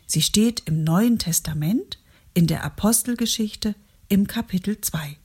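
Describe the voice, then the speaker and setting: A woman from a church congregation telling a Bible story to children, gently and warmly. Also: mid-range voice, measured pace. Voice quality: breathy. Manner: gentle, warm reading to children.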